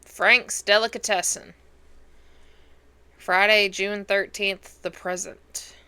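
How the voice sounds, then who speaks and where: Hoarse, sassy woman reacting to a film. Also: mid-range voice, flat delivery, slow pace, sharp tone. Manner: chatty, sassy, talks back at the screen. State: hoarse, congested. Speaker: movie reaction host. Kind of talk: casual reaction commentary.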